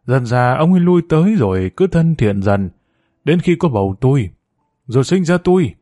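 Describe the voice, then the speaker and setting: A man reading as a gruff, sullen teenage street boy. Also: medium pitch, a little mellow, no room sound, studio quality, natural voice. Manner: curt, grumbling.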